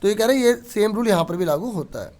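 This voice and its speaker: A man's voice: high voice, lively intonation, fast talker, a little mellow. A male teacher explaining grammar to pupils, asking questions and answering them himself. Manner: explains patiently, asks and answers his own questions. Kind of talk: online grammar lesson.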